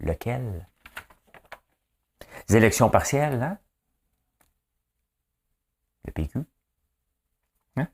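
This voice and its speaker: A Québécois man hosts a daily news show alone, chatting casually and jokingly as he rambles through plenty of asides. His medium-pitched voice is husky and darkish, sing-song in its rhythm, and extremely slow, with long pauses.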